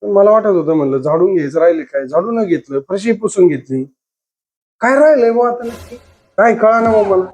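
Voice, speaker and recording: A man's voice: high-pitched, animated, a little fast, darkish tone. A man playing a husband in a comedy sketch, exasperated and pleading, talking to himself. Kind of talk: scripted comedy sketch acting.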